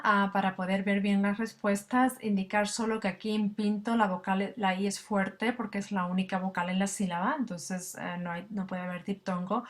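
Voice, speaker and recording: A woman teaching a recorded lecture, explaining slowly and patiently, with frequent fillers and pauses. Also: mid-range voice. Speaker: Spanish teacher.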